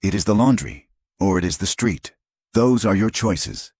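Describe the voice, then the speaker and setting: A man's voice: low-pitched, steady tone, racing, a little mellow, no echo, studio quality. A man voicing a stern, self-righteous middle-aged townswoman in a western audiobook, scolding and curt.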